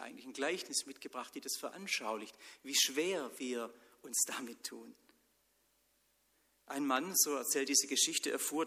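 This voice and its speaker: Preacher with a bright, ringing tone. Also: male voice, mid-range voice. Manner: storytelling, swings between loud and whispered. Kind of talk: sermon. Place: church. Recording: long church reverb.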